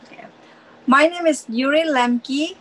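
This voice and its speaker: Woman from Myanmar, interview guest, simple halting English, a bit high. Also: rough recording. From Myanmar, grew up in Thailand. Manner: simple phrasing, many "you know" fillers. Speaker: missionary guest. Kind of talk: interview answers.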